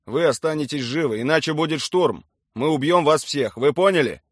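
A man's voice: a little high, moderate pace, dry recording, clean studio sound, pitched above the performer's own voice, close to an everyday voice. A man playing a barking stern colonel. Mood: stern ultimatum. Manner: clipped, commanding. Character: stern male FSB colonel barking orders.

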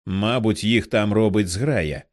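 Man voicing an impulsive, excitable young man. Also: lowish voice, takes it slowly, no echo, studio quality. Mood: excited.

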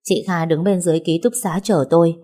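A woman narrating a first-person novel as an audiobook, in a measured, somber reading. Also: lowish voice, steady tone, warm tone.

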